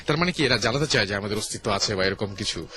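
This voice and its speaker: A man's voice: lowish voice, racing, background noise. A man with a Bangladeshi Bengali accent hosting a horror radio show, murmuring along as a guest speaks and asking probing questions. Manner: steady listener, prompts with short murmurs, asks probing questions. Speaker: radio host.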